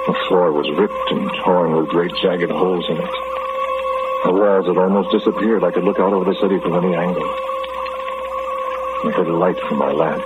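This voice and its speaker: A male actor in an old radio drama narrator manner, playing a fearful, brooding man facing death, grave and deliberate, on a tinny, noisy recording. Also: low voice, lightly acted.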